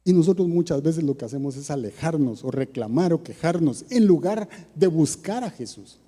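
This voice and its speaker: A man with a Costa Rican accent preaches a sermon in a chatty, questioning manner. His voice sits a little high but sounds dark and mellow. A long church reverb trails behind every phrase. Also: expressive, normal speed, slightly rough. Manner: conversational preaching with rhetorical questions.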